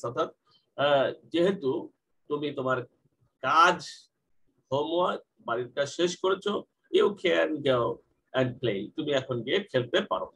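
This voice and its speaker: A man with a mid-range, slightly bright voice explains English grammar in Bengali on a rough recording. He asks questions and answers them himself, and he reads English example sentences slowly.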